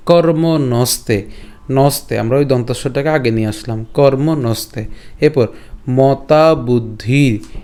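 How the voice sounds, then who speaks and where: A man with a Bengali accent leads a scripture lesson, breaking Sanskrit words into slow, careful syllables. His voice is warm and mellow, with a smooth, resonant tone. He keeps asking how each word should sound, then answers it himself. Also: medium pitch. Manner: slow, syllable-by-syllable Sanskrit pronunciation drills with rhetorical questions. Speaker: Gita teacher. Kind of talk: recitation lesson.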